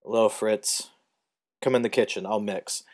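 A man reading the lines of a flustered, bewildered man in an audiobook, with an excitable, exasperated delivery. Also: on the low side, measured pace, natural voice.

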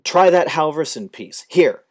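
A man reading the lines of a flustered, bewildered man in an audiobook, with an excitable, exasperated delivery. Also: a little high, unhurried, pitched above the performer's own voice.

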